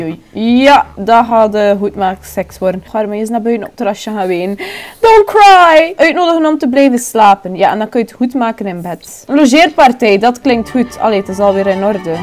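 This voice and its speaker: A woman with a Flemish accent giving chatty, excitable commentary while playing a life-sim game, with frequent exclamations. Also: a little high. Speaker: gaming YouTuber. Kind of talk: casual let's-play commentary.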